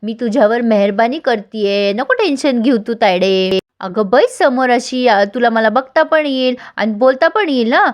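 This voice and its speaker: A domineering, scornful second wife who taunts her rival and barks orders at everyone, as a woman retells a serial scene. The voice sits a little high and sounds commanding. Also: normal speed, hardly any pauses, close to an everyday voice. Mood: bossy. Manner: taunting, bossy, shouting orders.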